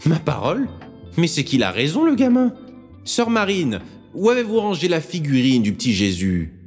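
A man voicing a blunt but motherly old nun in an audiobook story, in a raised falsetto. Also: huge pitch swings, moderate pace, a little mellow, in a large hall, faint music behind. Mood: exclaiming. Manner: exclaiming, motherly. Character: old nun, bossy, blunt, kindly woman.

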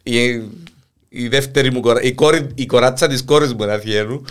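A mature man with a Greek Cypriot accent hosts a casual interview. His voice is medium-pitched, and he interjects often, repeating himself in colloquial dialect. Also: clean tone. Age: middle-aged or older. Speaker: podcast host.

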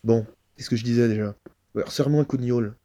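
A man playing a weary older male geopolitics pundit who rambles loudly and quickly in exasperation. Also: mid-range voice, steady tone, natural voice. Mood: exasperated. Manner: loud, rapid exasperated rambling.

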